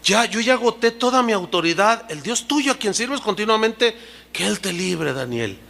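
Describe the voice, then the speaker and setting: Grieving, regretful old king, put on by a man preacher, slow and low, lively bright tone. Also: gravelly, full character voice. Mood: sorrowful.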